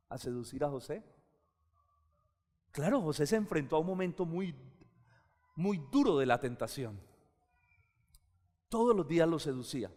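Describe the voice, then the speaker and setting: A man preaching a sermon, swinging from hushed asides to loud exclamations. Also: on the high side, in a large hall.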